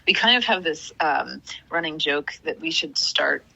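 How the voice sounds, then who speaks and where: A woman's voice: sits low, lively intonation, a little slow, creaky, pushed and bright, husky, no room sound, muffled recording. A woman guest on a remote podcast call, chatting casually with many ums, restarts and frequent laughs. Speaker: guest, arts organization director. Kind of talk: casual interview chat.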